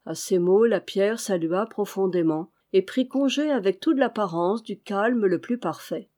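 A woman audiobook reader narrates a classic novel aloud in a measured, expressive way, her voice medium in pitch.

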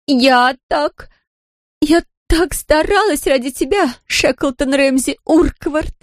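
A woman's voice: takes it slowly, dry recording, clean studio sound. A woman reading an audiobook, voicing a drunk, jealous glamorous woman who slurs and shrieks. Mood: drunken shrill. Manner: slurred, shrill, screaming.

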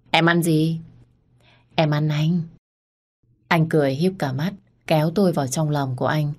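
A woman narrating a first-person audio story in a calm, intimate manner. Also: low-pitched.

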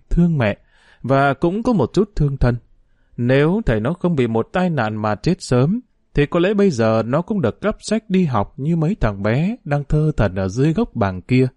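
A man narrating a novel as an audiobook, in a steady, measured storytelling voice. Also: medium pitch, no echo. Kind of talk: audiobook reading.

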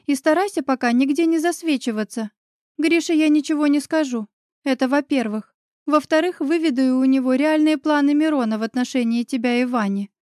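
A woman reading an audiobook gives a character voice to a lively, caring young woman friend who talks briskly and decisively. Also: sits high, no echo, studio quality, voice pushed up, natural voice. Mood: firm.

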